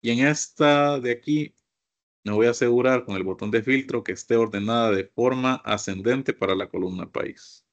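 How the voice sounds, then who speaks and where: A man's voice: medium pitch, normal speed, dull audio. A man teaching a computer course, walking his class through each step and often asking them to look. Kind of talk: screen-share software lesson.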